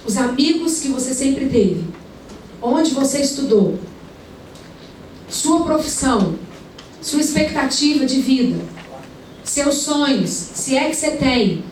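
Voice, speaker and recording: Woman preacher, high voice, storytelling sermon, very echoey hall, distant mic. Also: slow, pauses often. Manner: conversational, rhetorical questions, lively retelling. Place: large indoor event hall. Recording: echoey hall, mic far away, faint room noise.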